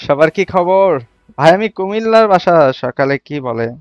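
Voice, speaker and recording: A man's voice: high-pitched, expressive, moderate pace, dry recording, soft background music. A man hosting a casual livestream, reading viewer comments aloud and quizzing them. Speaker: livestream host. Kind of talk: casual live-stream chat with viewers.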